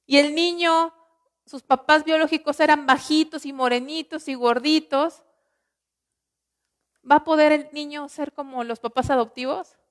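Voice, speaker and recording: A woman with a Mexican Spanish accent preaching a sermon in an earnest teaching manner, asking rhetorical questions and slowing down on scripture. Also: sits high, fairly bright tone.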